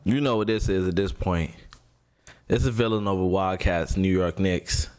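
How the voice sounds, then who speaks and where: A man hosting a casual sports podcast, repeating words in quick bursts as he talks. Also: deep voice, a little mellow, clean tone. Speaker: podcast host.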